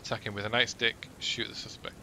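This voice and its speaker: Man, gaming video, low voice, reads game text, noisy background. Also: flat delivery, quick pace. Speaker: gaming YouTuber. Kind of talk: let's play, reading game text aloud.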